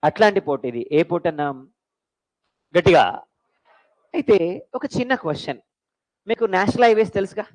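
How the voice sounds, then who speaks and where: Lively quizzing woman teacher. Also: medium pitch, brisk, pauses often, rough recording. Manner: quizzing students with call-and-response questions; mixes English phrases into Telugu. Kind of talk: classroom lecture for exam prep.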